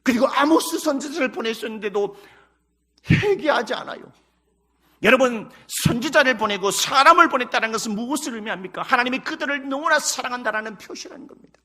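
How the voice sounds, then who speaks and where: A man's voice: extremely high pitch, animated, brisk, pushed and bright. A male pastor preaching a sermon in a Chungcheong Korean accent, emphatic, breaking into dramatic acted prayers and quotes.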